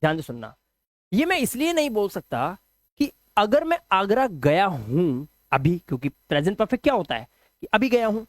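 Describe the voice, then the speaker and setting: A man with a Hindi accent teaching an English grammar lesson, lively and joking, firing rhetorical questions at his students. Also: sits high, dry recording.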